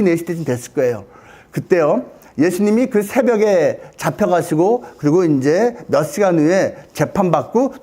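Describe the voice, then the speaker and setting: A man telling a Bible story as a sermon, dramatic and animated, often asking the audience questions. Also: sits high.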